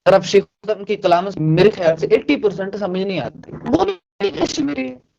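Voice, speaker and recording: A man from Kashmir with a Kashmiri accent, a writer answering interview questions in a casual, lively way, mixing in English words and repeating phrases. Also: high voice, normal speed, creaky, lo-fi sound.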